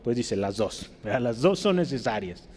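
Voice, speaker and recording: A man's voice: mid-range voice, lively intonation, normal speed, darkish tone. A man teaching a sermon as a pastor, explaining scripture in a didactic way and checking with his listeners through constant tag questions. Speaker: pastor teaching a Bible study. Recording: long hall reverb.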